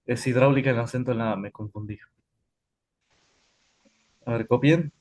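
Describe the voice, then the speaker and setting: A man's voice: mid-range voice, measured pace, darkish tone. A man teaching a physics class, explaining step by step with frequent "este" fillers and self-corrections. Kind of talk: classroom lecture.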